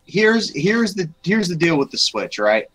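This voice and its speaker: A man's voice: high voice, very animated, unhurried, fairly bright tone, poor audio. A young man co-hosting a casual gaming chat, rambling with many restarts. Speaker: podcast co-host.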